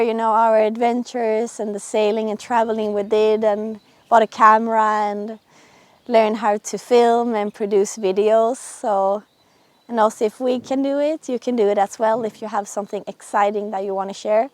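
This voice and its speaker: A woman's voice: a little high, steady tone, normal speed, no echo. A woman hosting a vlog, talking casually and directly to her viewers. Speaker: sailing and boat-building vlogger, host.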